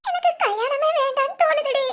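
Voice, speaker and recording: A woman's voice: very high voice, fast, bright, forceful tone. A woman voicing a timid young bride-to-be in a cartoon, speaking in a weepy, pleading way. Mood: tearful. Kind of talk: cartoon voice acting.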